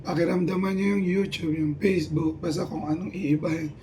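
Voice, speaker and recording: A man's voice: on the high side, fairly even intonation, a little fast, warm tone, a little hiss or hum. A man talking in a loose, meandering monologue, switching between Tagalog and English. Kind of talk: rambling casual monologue.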